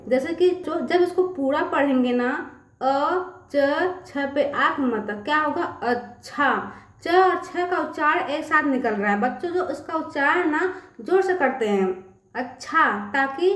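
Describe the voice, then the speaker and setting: A woman's voice: sits high, reverberant. A woman teaching a reading lesson to children, patiently repeating words and addressing them often.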